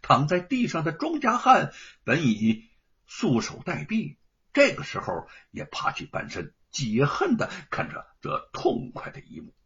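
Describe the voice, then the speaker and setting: A man narrating a story in an animated, dramatic storytelling manner. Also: a little high, a little slow, breathy edge. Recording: dull lo-fi recording.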